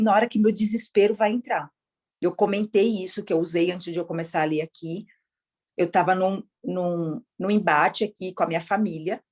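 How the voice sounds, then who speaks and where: A woman's voice: medium pitch, a little mellow, slightly rough. A woman leading a spiritual study group in a casual teaching talk over a video call, often checking in with her listeners. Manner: conversational, keeps checking in with listeners.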